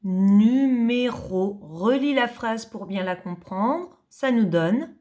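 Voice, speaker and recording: A woman teaching young children to read in French, spelling out syllables slowly and distinctly, patient and repeating each sound. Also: on the high side, expressive, darkish tone. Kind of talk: slow reading lesson for young children.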